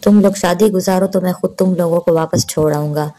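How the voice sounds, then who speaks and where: A woman's voice: lowish voice, fairly even intonation, a little fast, warm tone, natural voice. A woman voicing a stern, protective young man, the elder brother, in a storybook reading, speaking curtly and giving orders. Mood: firm.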